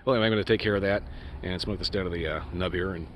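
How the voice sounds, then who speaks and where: A man's voice: low-pitched, steady tone, very fast, background noise. Man talking around a cigar in his mouth. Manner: rambling, laid-back, chuckles often. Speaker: cigar reviewer. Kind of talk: casual vlog review.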